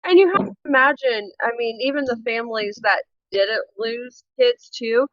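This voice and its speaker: A woman's voice: fairly high pitch, normal speed, no room sound, lo-fi sound. A woman guest co-host in a casual true crime chat, emphatic and opinionated, rambling through her points.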